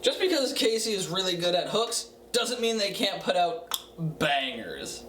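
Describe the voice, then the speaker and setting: A man giving a casual, profane music review in a tipsy, rambling way, halting and repeating himself. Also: high-pitched, big pitch swings, fairly bright tone. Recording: roomy, distant mic, faint noise.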